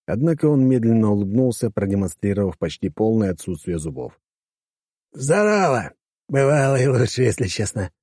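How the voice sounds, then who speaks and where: A man's voice: lowish voice, dark tone, no room sound, clean studio sound. A man reading a first-person audiobook in a casual, crude, wisecracking manner. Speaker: audiobook narrator.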